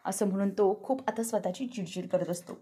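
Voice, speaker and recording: A woman's voice: medium pitch, fairly quick, mellow, slightly rough. A young woman narrating a TV serial episode as a spoken story, voicing the characters' lines herself. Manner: narrates plainly, then lifts her voice for characters' quoted lines. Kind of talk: storytelling recap with acted-out dialogue.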